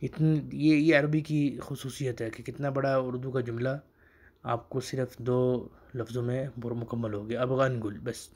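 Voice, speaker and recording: A man who teaches Arabic phrases in a casual spoken lesson, slowing down to repeat each phrase for learners. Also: mid-range voice, level tone, darkish tone.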